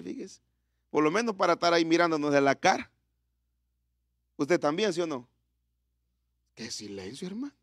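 Gravelly high-voiced man preaching. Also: bright, forceful tone, no room sound, studio quality. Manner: conversational, questions the congregation. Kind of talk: sermon. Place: church.

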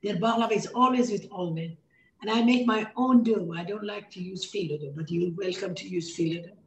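A woman's voice: medium pitch, a little fast, lo-fi sound. Cheerful woman with a Persian accent. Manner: cheerful, laughs often, warm enthusiasm about food. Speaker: cookbook author giving a cooking demo. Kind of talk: casual cooking demonstration talk. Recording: echoey room.

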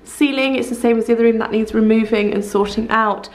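A woman's voice: fairly high pitch, fairly even intonation, fast. A woman in her thirties giving a casual house-tour vlog, chatty and fond, with many ums and likes, filmed on a handheld camera at arm's length in a bare, empty house. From England. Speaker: vlogger.

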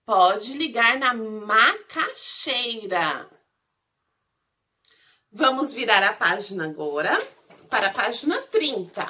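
Lady teaching little kids, bright lively voice, drags out syllables real slow. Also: fairly high pitch. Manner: slow, sing-song, stretching syllables and repeating words. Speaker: preschool teacher. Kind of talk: recorded lesson for young children.

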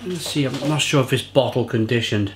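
Over a noisy background in an echoey room, a man in his thirties talks a little fast in a mid-range voice. He's doing an enthusiastic, casual beer tasting review to camera, gesturing a lot while describing flavours. He's indoors at a home kitchen bar with shelves of bottles.

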